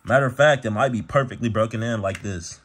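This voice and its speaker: A man's voice: on the low side, a little fast, fairly bright tone, slight background noise. A man talking casually to camera as a gear vlogger, with a laid-back, slangy delivery full of "bro" and "y'all". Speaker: gun channel vlogger.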